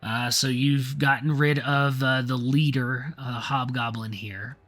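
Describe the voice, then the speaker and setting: A man's voice: mid-range voice, fairly even intonation, measured pace, a bit bright, soft background music. A man narrating as dungeon master, describing scenes and reading rules aloud. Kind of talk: narrating a tabletop game.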